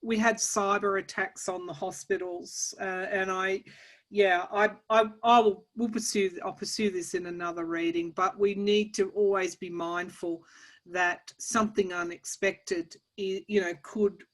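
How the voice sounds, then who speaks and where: An Australian woman hosts a relaxed spiritual conversation. She talks in a halting way, restarting her sentences and leaning on fillers as she gathers her thoughts. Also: mid-range voice. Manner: hesitant, many restarts and fillers. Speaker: tarot channel host. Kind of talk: casual conversation.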